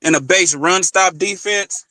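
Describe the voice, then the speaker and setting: A man's voice: sits high, a little slow, over a noisy crowd. A man co-hosting a casual football livestream, rambling through his points with fillers. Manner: rambling, lots of fillers and restarts. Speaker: co-host, football analyst.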